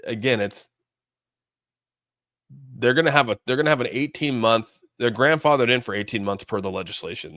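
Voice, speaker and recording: Here a livestream host with a medium-pitched, somewhat bright voice casually discusses crypto markets, thinking out loud and reacting to his audience. The sound is studio quality with no room reverb.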